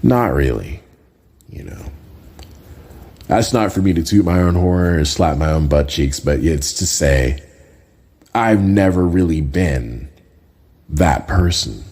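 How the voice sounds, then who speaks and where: A man from Jamaica talks casually through a solo podcast, checking in with the listener as he goes. His voice sits extremely low with a husky grain. The tone is dark and mellow. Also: animated, slow, long pauses. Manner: conversational, often tags lines with "right?". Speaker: podcast host.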